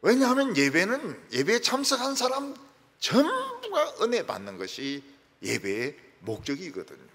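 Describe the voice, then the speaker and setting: A man is preaching a lively sermon, his husky voice sitting a little high and rising and falling freely. He jokes and acts out little scenes. The sound carries a long reverb from the church hall. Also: moderate pace. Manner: animated, joking, acts out quoted phone calls and prayers. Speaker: pastor. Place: church sanctuary.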